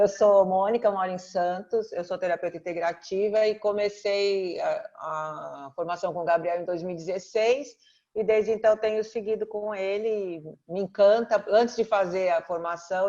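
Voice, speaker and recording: Brief: woman, lively and chatty, slightly muffled lo-fi call audio. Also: lowish voice, normal speed. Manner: enthusiastic, chatty. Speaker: integrative therapist. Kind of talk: casual self-introduction on a video call. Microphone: video call.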